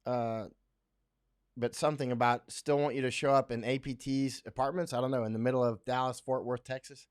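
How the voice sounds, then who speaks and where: A man's voice: mid-range voice, steady tone, fairly quick, clear, resonant tone. A man from Florida hosting a casual livestream, reading viewer comments aloud and answering them in a rambling way full of fillers and restarts. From Central Florida, USA. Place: home in Thailand.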